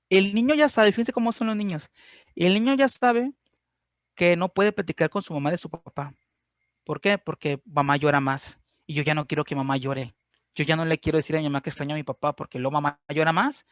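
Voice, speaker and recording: A man with a Mexican Spanish accent teaches an informal class, talking in a chatty way and checking in with his listeners every few phrases. His voice sits a little high for a man. The recording is dry and close, with no room echo. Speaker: teacher giving a class on grief. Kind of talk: informal online class talk.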